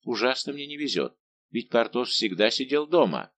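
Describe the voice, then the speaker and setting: A man's voice: mid-range voice, animated, moderate pace, fairly bright tone. A man voicing a bold, cheerful male musketeer who banters and exclaims, in an audiobook. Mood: eager. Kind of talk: audiobook character voice.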